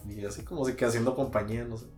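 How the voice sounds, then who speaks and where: A woman's voice: rumbling low, steady tone, racing. A woman telling stories in a laid-back way with slang, in casual chat. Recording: echoey room with music behind.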